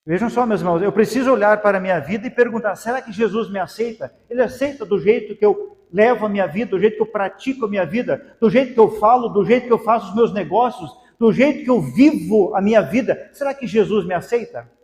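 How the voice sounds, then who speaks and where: Preaching quickly in a high, ringing, slightly mellow voice, a pastor from Brazil with a Brazilian Portuguese accent drives his sermon home through rhetorical question after rhetorical question. A big hall carries his words in a long trail of reverb.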